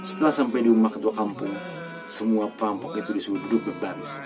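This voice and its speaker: A man reads a story aloud in a steady, even way, his voice sitting fairly low. Music plays clearly in the background of the recording. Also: fast.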